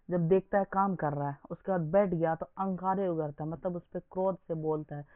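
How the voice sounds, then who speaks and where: A man's voice: high voice, no echo. A young man teaching an exam coaching lesson, quizzing his listeners with repeated questions. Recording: dry, phone-like lo-fi sound.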